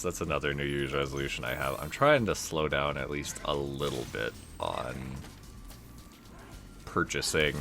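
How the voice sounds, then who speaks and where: A man's voice: extremely low pitch, gravelly. A young man giving casual, rambling, laid-back gameplay commentary as a let's play host.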